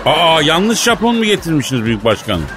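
A man's voice: fairly high pitch, sing-song, brisk, a bit bright, faint music behind. A man hosting a radio comedy sketch as the playful straight man, teasing in a mock-formal way.

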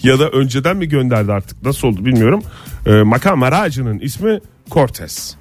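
A man co-hosting a morning radio show, telling news stories in a dry, joking way with drawn-out pauses. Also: medium pitch, expressive, faint music behind. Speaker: radio co-host.

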